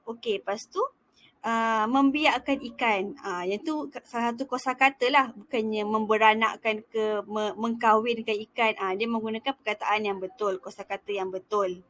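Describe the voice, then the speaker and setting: A young woman student teacher talks through a lesson in a relaxed, chatty way. Her voice sits a little high, and she often pauses briefly to begin a point again before carrying on. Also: a little hiss or hum. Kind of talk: casual explanatory lecture.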